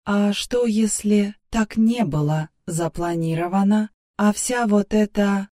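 A capricious AI companion, as voiced by a woman, lives in the hero's head in this audiobook. She speaks slowly and softly, in a mellow, darkish tone, musing and wheedling by turns. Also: mid-range voice, expressive. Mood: pensive. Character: capricious female AI partner inside a man's head. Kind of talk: audiobook character voice.

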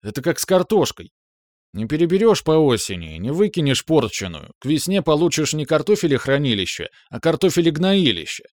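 A man voicing a lively young man who declaims in an excited, wordy way, a bit higher than his own voice. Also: fairly quick, dry recording, studio quality. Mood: heated.

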